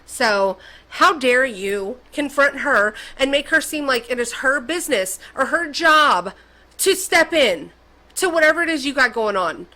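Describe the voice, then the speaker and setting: A woman's voice: sits high, expressive, a little slow, sharp tone, low-quality recording. A woman hosting a commentary show, giving a sarcastic, mocking rant and tagging her sentences with "okay?". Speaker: commentary channel host.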